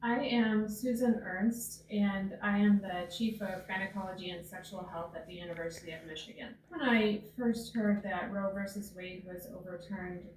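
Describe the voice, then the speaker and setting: Brief: middle-aged woman doctor, careful and halting, distant echoey sound. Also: medium pitch, fairly even intonation, slight background noise. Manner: thoughtful, hesitant with fillers. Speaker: gynecology chief. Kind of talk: news interview statement. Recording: roomy sound from off mic.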